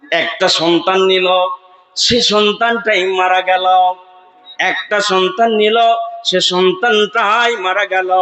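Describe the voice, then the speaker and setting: Chanting preacher man, high bright voice. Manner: chanting, drawn-out melodic delivery that swells into shouted peaks. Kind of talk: sung Bengali sermon (waz).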